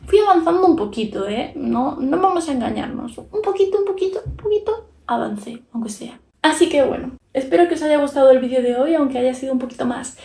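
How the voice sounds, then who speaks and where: Young woman, Spain Spanish accent, casual opinionated chat, mellow voice, roomy echo. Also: high-pitched, brisk, creaky, hardly any pauses. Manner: chatty, frank and opinionated, talks while drawing. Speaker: YouTuber. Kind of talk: casual podcast-style chat.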